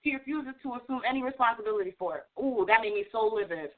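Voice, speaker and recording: A woman joining a casual podcast discussion as a guest, speaking forcefully and with indignation. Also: on the high side, expressive, fast talker, crowd noise. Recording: tinny phone-like audio.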